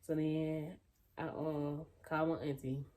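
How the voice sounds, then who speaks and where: Low-voiced young woman telling a story. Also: measured pace. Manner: animated retelling, acting out other people's lines; loose, conversational, with fillers and restarts. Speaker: vlogger. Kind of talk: casual storytime monologue.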